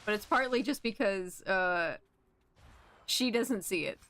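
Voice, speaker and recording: A young woman streaming a game, chatting casually, giggling, swearing a lot and getting excitable. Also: medium pitch, a little slow, a little hiss or hum. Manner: giggly, excitable and profane, with frequent filler words. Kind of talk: casual gameplay commentary.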